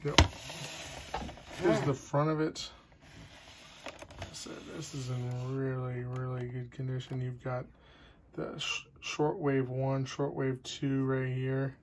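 There's a creaky quality to this man's mid-range voice as he casually presents an item for sale at a table inside. He's loose and talkative, dropping sentences and starting them again, captured on a phone camera. Radio and tape music play, with slight background noise.

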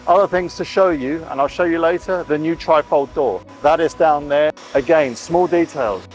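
With faint music behind him, a man in his forties speaks at normal speed in a slightly high voice. He's a vlog host on a lapel mic, enthusiastically walking the camera through a boat under construction and a large boatyard shed, stressing points and repeating phrases.

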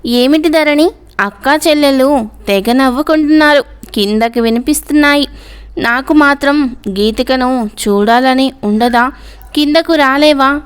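A woman's voice: sits high, unhurried. Woman voicing a teasing old grandmother. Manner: mischievous, giggly teasing.

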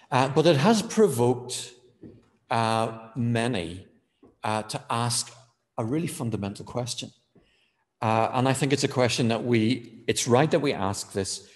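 A man preaching a sermon in a church, measured, with frequent fillers, slowing down to stress key words. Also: mid-range voice, big-room sound.

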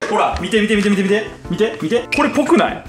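A man's voice: sits high, expressive, fast. A young man with a Kansai accent, playfully hyping his own dish in casual cooking-challenge banter. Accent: Kansai Japanese. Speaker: YouTuber. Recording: roomy room with background music.

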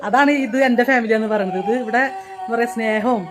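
Crowd noise surrounds this casual vlog from an old age home, where a Kerala woman with a Thrissur Malayalam accent talks with the elders and coaxes them. Her voice is fairly high and fast.

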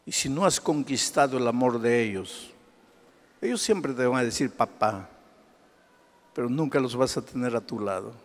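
A man pastor preaching a sermon, firing off rhetorical questions and swinging between hushed asides and loud exclamations. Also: medium pitch, moderate pace, long reverb tail.

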